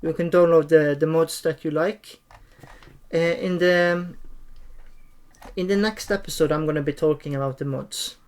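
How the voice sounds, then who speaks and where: A streamer giving an unscripted, hesitant gameplay tutorial, often pausing and repeating phrases. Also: medium pitch, steady tone, a little mellow. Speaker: streamer and game tutorial host.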